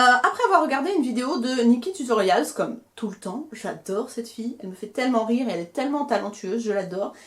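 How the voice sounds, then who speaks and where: A young woman chatting casually through a beauty haul, talking with lots of fillers and restarts as she shows and reviews products. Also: on the high side. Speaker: beauty vlogger.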